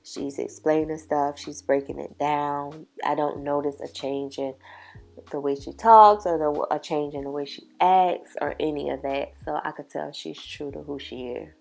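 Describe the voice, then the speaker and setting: A beauty vlogger sits at her home makeup setup with a ring light, chatting casually to camera about makeup over soft background music. She sounds congested, with a low-pitched, steady, creaky voice, and she's chatty and opinionated, drawing out words for emphasis.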